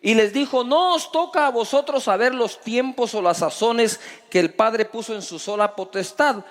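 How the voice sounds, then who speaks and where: A male pastor preaching a sermon with emphatic delivery that swings between loud and hushed. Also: very high-pitched, normal speed. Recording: long reverb of a large hall.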